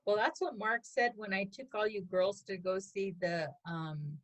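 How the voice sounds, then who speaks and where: A middle-aged woman co-hosting a podcast in casual, lively chat and laughing easily. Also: mid-range voice, a little slow, low-quality recording. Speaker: podcast co-host.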